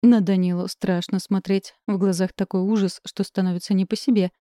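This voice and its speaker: A young woman narrating a first-person novel as an audiobook, with wry, lively storytelling. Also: medium pitch, brisk, dry recording, clean studio sound.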